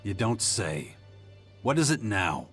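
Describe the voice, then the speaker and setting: A man's voice: lowish voice, big pitch swings, takes it slowly, soft background music. A man playing a blunt, distrustful fighter chafing under orders in a video game, terse and sardonic. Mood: wary, sardonic. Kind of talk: video game dialogue acting.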